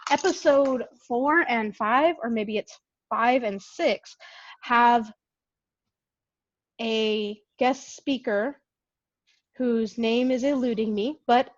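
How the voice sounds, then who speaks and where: A woman from California speaks on a video call in a somewhat high voice, telling stories with animation and frequent laughter. The sound is dull and lo-fi, and it is very dry with no room echo. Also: slow pace, long pauses. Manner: animated storytelling, laughs often. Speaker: guest speaker. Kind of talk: casual online Q&A talk.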